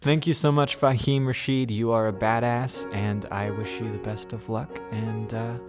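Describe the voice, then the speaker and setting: Low-voiced upbeat male podcast host. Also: steady tone, normal speed, faint music behind. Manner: encouraging, upbeat, with occasional restarts. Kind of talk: casual conversational interview. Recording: long reverb.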